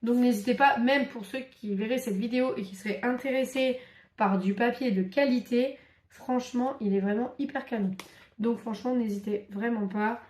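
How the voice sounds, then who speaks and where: Woman, fairly high voice, chatty, enthusiastic, echoey room. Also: moderate pace, a little mellow. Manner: chatty, many fillers, enthusiastic. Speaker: crafts vlogger. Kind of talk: casual show-and-tell.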